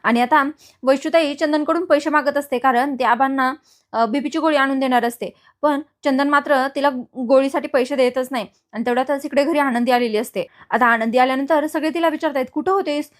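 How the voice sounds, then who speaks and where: A woman's voice: high-pitched, a little fast. A woman narrating a recap of a TV serial in a casual storytelling way. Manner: steady retelling, small restarts.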